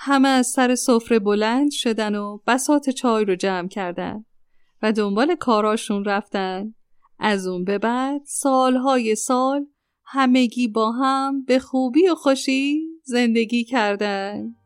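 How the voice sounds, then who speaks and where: A woman reads a children's story in a gentle, clear storytelling manner. Her voice is smooth and slightly high, recorded close on a dry studio mic. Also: fairly even intonation, dry recording.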